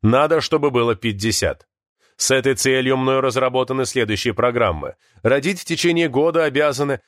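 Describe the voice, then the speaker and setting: A man's voice: medium pitch, fairly quick, a bit bright, dry recording, studio quality, close to an everyday voice. A man reading an audiobook, voicing a pompous president making a firm, official TV address.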